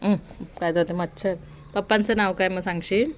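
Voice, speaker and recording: Young mom, playful coaxing tone, middle pitch, some faint background noise, chatting with her kid. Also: steady tone, normal speed. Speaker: mother talking to her young daughter. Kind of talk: casual home chat with a small child.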